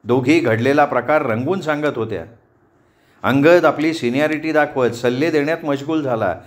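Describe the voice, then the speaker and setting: A man reading a short story aloud as a storyteller, in a lively, expressive way. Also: mid-range voice, moderate pace.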